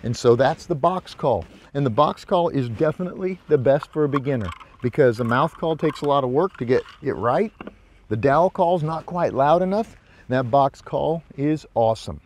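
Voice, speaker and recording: A man's voice: mid-range voice, expressive, normal speed, darkish tone, slight background noise. A man giving a casual hands-on demonstration as an instructor, explaining in an informal, folksy way outdoors. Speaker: hunting instructor, presenter. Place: outdoors in brush by a ravine.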